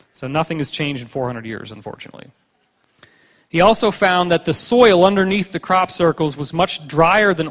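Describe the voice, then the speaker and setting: A conference speaker on stage tells stories to a hall while moving through his slides, with a fairly high voice for a man. His delivery is joking and animated, dotted with quick voiced asides, and a long reverb trails each phrase.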